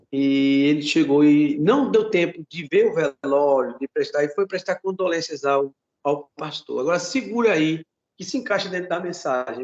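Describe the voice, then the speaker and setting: A man's voice: on the high side, muffled recording. A Brazilian man preaching a sermon as pastor, fervent and repetitive, often calling out to his listeners as brothers. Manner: fervent, repeats words, addresses listeners as brothers. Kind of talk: sermon with a retold testimony.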